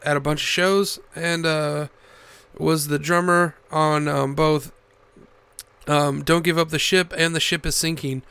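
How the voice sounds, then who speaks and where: Male podcast host, gravelly and cold-hoarse, slightly high-pitched, halting and candid, casual talk. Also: bright, forceful tone, dry recording. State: hoarse from the back half of a cold.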